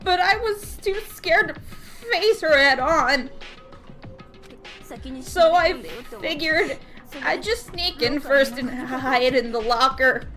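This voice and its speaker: A woman's voice: high-pitched, slow, pauses often, bright, forceful tone, full character voice. A woman voicing a timid, nervous teenage girl who stammers and hesitates as she tells what she saw. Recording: game music behind.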